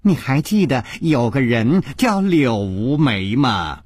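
A quick-witted young swordsman hero, voiced by a male storyteller. The tone is wry and lightly teasing, swinging up and down with lively pitch. A faint huskiness runs under it in a dry, close recording. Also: breathy edge, dry recording. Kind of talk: traditional storytelling broadcast.

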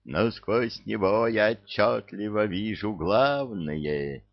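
A man voicing a dazed fakir prophet in a trance, speaking in a sepulchral voice with slow, drawn-out intoning. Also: fairly low pitch, vocal fry, lo-fi sound. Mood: entranced.

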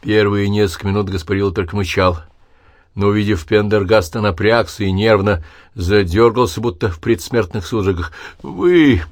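A man narrating an audiobook in a measured, even reading style. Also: on the low side, no echo, studio quality. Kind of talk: scripted narration.

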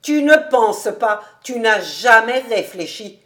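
A woman reading an audiobook, voicing an excitable, argumentative old village rabbi in a loud, indignant manner. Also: high voice, moderate pace, voice pushed up, close to an everyday voice. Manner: loud, indignant, mocking laughter.

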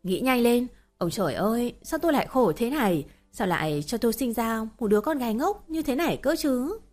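A woman's voice: on the high side, lively intonation, fairly quick, darkish tone, soft background music. A woman voicing a distraught middle-aged mother who pleads and wails. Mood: furious. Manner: pleading and wailing.

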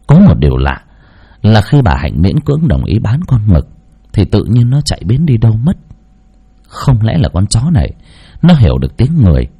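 A man narrating a heartfelt village story in slow, scripted storytelling. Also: on the low side, wildly swooping pitch, warm tone, breathy edge, highs cut off.

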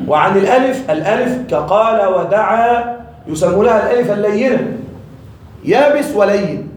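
A man teaching an Arabic grammar lesson to a class, explaining patiently and often checking that his students follow. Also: high-pitched. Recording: echoey classroom from far off.

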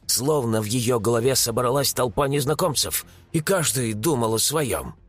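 A man narrates with animated, dramatic delivery. His husky voice moves a lot in pitch. The sound is dry and close, with faint music behind. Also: normal speed. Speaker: audiobook narrator. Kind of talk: expressive audiobook narration.

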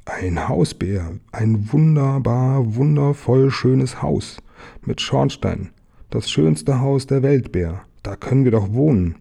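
Man reading as a dreamy little tiger, drawn-out marveling words, husky low voice. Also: lively intonation, dark tone, exaggerated voice.

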